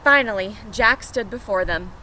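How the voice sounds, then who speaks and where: A bright, pushed voice of medium pitch moves at a normal speed as a woman reads a picture book to young children. She performs it with feeling and speaks to her listeners along the way, out in the open near pet chickens. The outdoor recording is noisy, with an urban backdrop.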